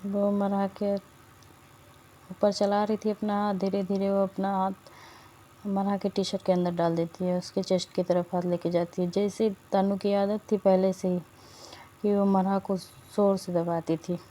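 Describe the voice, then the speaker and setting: Chatty woman storyteller, dark mellow voice. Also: mid-range voice, level tone, a little slow. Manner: conversational, chatty asides. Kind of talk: casual story narration.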